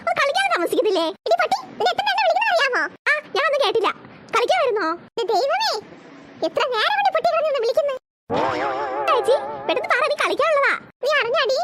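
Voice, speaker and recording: A woman voicing young sisters and their mother in an animated cartoon, switching between quick shouty bickering and soft cooing over babies. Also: very high-pitched. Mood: excited. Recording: noisy home recording.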